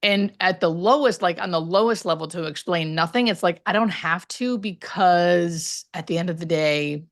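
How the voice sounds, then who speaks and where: A hospice nurse being interviewed speaks casually and candidly in a lowish voice at normal speed with few pauses. She rambles through personal stories, adding emphatic asides.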